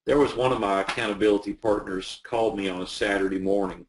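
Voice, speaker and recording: A man's voice: on the low side, fairly even intonation, fast talker, slight background noise, poor audio. A man working as a business coach, talking earnestly and with animation as he tells stories in a casual interview.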